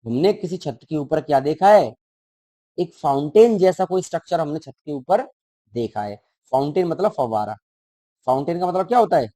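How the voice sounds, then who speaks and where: A man's voice: on the high side, mellow, no room sound. A male teacher explaining a school textbook to children, repeating key words and asking the class questions.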